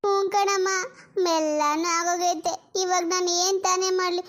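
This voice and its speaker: Someone voicing a very high, wailing old mother-in-law. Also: steady tone, moderate pace, a bit bright. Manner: wailing and lamenting, sobbing pleas. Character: weeping elderly mother-in-law, grieving and hurt. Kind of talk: family drama voice acting.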